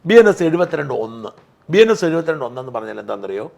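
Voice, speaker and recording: A man's voice: medium pitch, very animated, fast talker, vocal fry, darkish tone. A man co-hosting a political talk show, arguing and explaining legal sections point by point. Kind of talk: casual political discussion.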